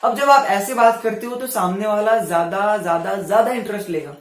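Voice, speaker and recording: A young man talks to camera like a motivational vlogger. His voice sits high and keeps rising and falling between loud and soft. The room around him rings with echo. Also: fairly quick. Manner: animated, swings voice loud and soft on purpose. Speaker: vlogger giving self-help tips. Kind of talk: casual motivational talk to camera.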